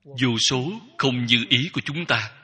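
Husky, bright-voiced man preaching in a hall. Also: mid-range voice. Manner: slow, measured phrasing in short repeated clauses. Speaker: Buddhist teacher. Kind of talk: Buddhist dharma talk. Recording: long hall reverb.

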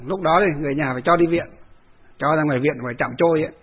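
A fairly high, husky male voice, a Buddhist monk rambling through a story with fillers and repetitions. The sound is narrow and phone-like, as if heard over a radio. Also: very fast. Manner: rambling, with many filler sounds and repeated phrases.

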